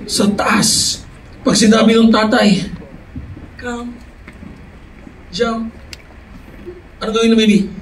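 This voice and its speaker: A man with a Filipino accent preaching a youth sermon, often shouting and calling for amens, switching between English and Tagalog. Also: high-pitched, steady tone, normal speed. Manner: shouting, calls for amens from the crowd; mixes English and Tagalog mid-sentence. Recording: echoey hall, voice far from mic, crowd and noise.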